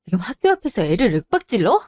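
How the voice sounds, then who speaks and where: A woman's voice: medium pitch, very animated, quick pace, a little mellow, no echo, studio quality, soft background music. A woman voicing a firm, betrayed wife and mother who scolds her husband sharply. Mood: scolding. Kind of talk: storybook voice acting.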